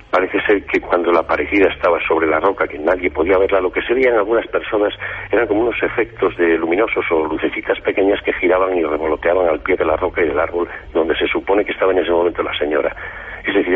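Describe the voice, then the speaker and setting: A man, a guest author on a radio talk show, recounting events slowly with frequent hesitations, speaking. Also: low voice, slightly rough. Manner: slow, measured recounting with hesitations. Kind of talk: radio interview, storytelling. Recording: lo-fi phone-like radio line.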